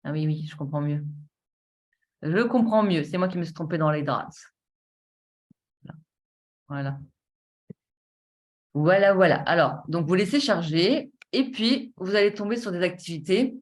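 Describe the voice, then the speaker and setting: A woman's voice: lowish voice, measured pace, long pauses. A woman giving a casual, enthusiastic sales presentation while showing her screen, chatty and full of filler words and restarts. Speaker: presenter of a travel savings platform.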